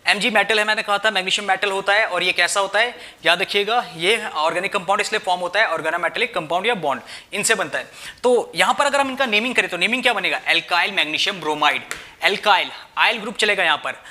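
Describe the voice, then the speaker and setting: Brisk and bright, with a pushed, high-sitting voice, a young man teaches chemistry at a whiteboard in mixed Hindi and English. Calling his students "bhai," he keeps checking "theek hai" and asking rhetorical questions.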